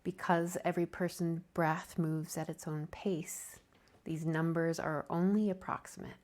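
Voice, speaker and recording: Working as a yoga nidra teacher, a woman leads a deep-rest meditation in a slightly low voice at a very unhurried pace. Her delivery is gentle, calming and softly breathy.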